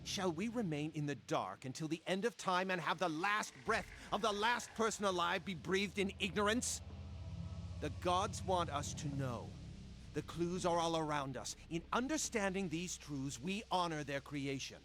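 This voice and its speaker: A high-pitched, indignant scholar from a fantasy game, played by a male actor. He is haughty and bitter, declaiming with zeal and piling up rhetorical points. There is faint noise behind the voice. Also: moderate pace, a bit bright, natural voice. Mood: impassioned. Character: defiant, indignant disgraced male scholar-experimenter, zealous and bitter.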